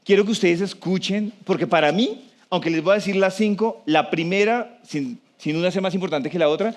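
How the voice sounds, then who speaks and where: A man with a fairly high voice gives a talk to a live audience. He speaks conversationally, often turns to the room with questions, and slows down to stress key points. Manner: slows down for emphasis.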